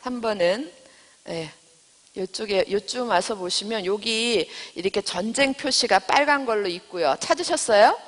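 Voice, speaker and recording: A woman's voice: mid-range voice, lively intonation, normal speed. Woman teaching bible class at church, keeps asking the room questions, voice rings out in a big hall. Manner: asks the class questions and paraphrases scripture in everyday speech. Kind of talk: Bible study lecture.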